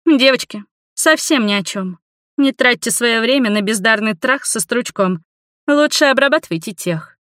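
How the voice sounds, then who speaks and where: A reader voicing a sharp-tongued young woman who hisses her contempt in an audiobook. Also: medium pitch, animated, moderate pace, no echo, studio quality, pitched above the performer's own voice. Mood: scornful. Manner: hissing, contemptuous.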